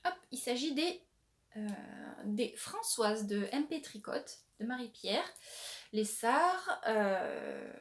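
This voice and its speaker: A woman hosting a knitting podcast, chatting casually with many pauses and restarts as she shows her yarn. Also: a little high, sing-song. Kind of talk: casual show-and-tell chat.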